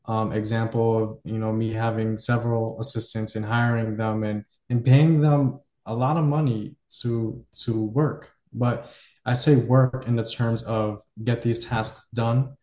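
A man's voice: mid-range voice, level tone, unhurried, mellow, reverberant. A man hosting a podcast, musing at length in casual conversation with many fillers. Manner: reflective, loosely structured, many fillers. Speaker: podcast host.

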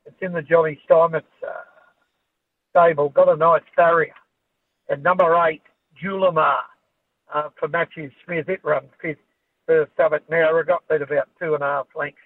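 Man, Australian, racing analyst, slightly high pitch, unscripted radio preview, narrow tinny telephone sound. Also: level tone, normal speed, pauses often, no room sound. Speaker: horse racing form analyst. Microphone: phone call to radio studio. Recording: tinny, band-limited phone line.

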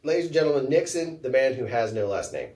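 A man's voice: mid-range voice, big pitch swings, quick pace, warm tone. A man hosting a casual podcast, rambling and joking at his own expense. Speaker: podcast host. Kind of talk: casual chat. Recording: distant from the mic.

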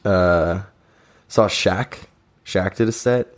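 A young man co-hosts a podcast, trading festival stories in a laid-back, joking, casual chat. His voice sits low and sounds a bit strained, and he takes his time.

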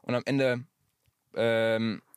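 A man's voice: mid-range voice, level tone, drawn-out words, clear, resonant tone, no echo, clean studio sound. A man talking in a casual podcast conversation, reflective and sometimes searching for his words. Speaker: podcast guest.

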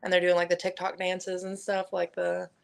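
A woman's voice: fairly low pitch, completely flat delivery, normal speed, vocal fry. A woman with a standard American accent in casual, comedic podcast chat, blunt and sweary, peppering her sentences with "like". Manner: blunt, profane, heavy use of "like". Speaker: podcast guest.

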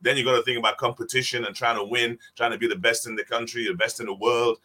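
A man's voice: medium pitch, level tone, fast, pushed and bright. A man in his sixties, guest on an interview podcast, telling stories and often laughing as he talks. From England. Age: 60s. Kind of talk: casual interview.

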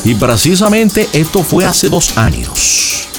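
Against background music, a man takes on the role of a dramatic call-in psychic who reads cards and shells and asks leading questions in a sing-song manner. He sounds a little high and very animated, speaking at a slow pace.

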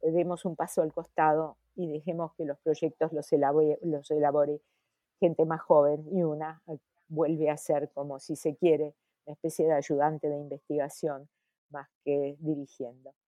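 An older woman with an Argentine accent, an academic guest answering in a podcast interview, thoughtful and full of pauses and restarts. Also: low-pitched, level tone, dark tone, no echo. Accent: Argentine Spanish. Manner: slow, thoughtful, many hesitations and restarts.

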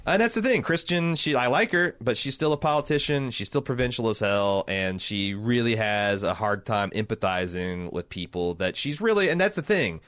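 A middle-aged man co-hosting a podcast, recapping a TV episode in casual chat, animated and swearing freely with many restarts. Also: mid-range voice, normal speed, few pauses, no room sound. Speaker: podcast co-host.

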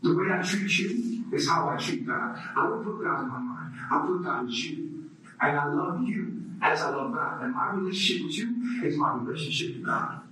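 A man's voice: on the high side, lively intonation, moderate pace, sharp tone. A man speaking in a police interview, heard as a recording of a recording played through a speaker, talking in rambling, preachy declarations. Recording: echoey distant playback with faint noise.

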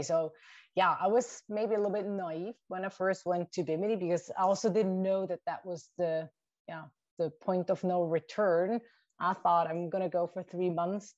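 Her voice lowish and dark, a Swiss woman with Swiss German as her first language answers an interviewer's questions as a shark scientist, thoughtfully enumerating points with small restarts. It's a dull, lo-fi, dry recording without room sound.

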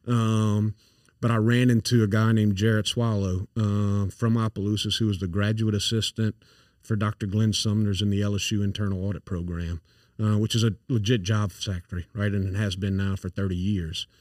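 A man in his forties with a south Louisiana accent, a company founder, talks casually as an interview guest, earnest and full of fillers and restarts. His voice is lowish, level and a little mellow at normal speed, recorded dry with no echo and a bit far from the mic.

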